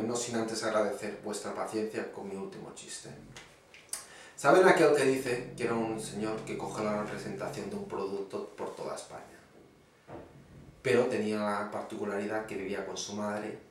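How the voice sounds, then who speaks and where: A man telling a string of jokes for his videoblog in a slow, dry storyteller's way. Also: on the low side, a little hiss or hum. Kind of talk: stand-up joke telling. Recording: echoey room, far from the mic.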